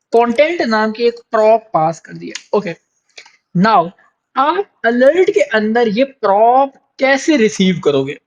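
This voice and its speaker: A man walks through code in a screen-recorded tutorial and keeps checking in as he goes. He restates each point and pauses often with small hesitations. The audio sounds slightly dull and muffled. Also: high-pitched. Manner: explanatory, repeats points, frequent "theek hai" check-ins and hesitations. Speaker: programming instructor.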